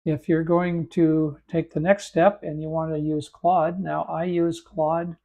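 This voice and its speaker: A man's voice: a little high, level tone, measured pace, gravelly, phone-quality sound. A man in his fifties, froggy-voiced from allergies, talking through a beginner's computer tutorial with fillers and restarts. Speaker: host and AI instructor. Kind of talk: screen-share tutorial narration.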